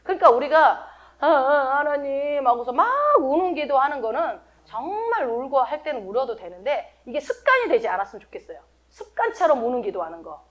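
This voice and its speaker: A middle-aged woman pastor giving a sermon in a conversational way, often asking her listeners questions. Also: a little high. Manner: conversational, asks the congregation many questions.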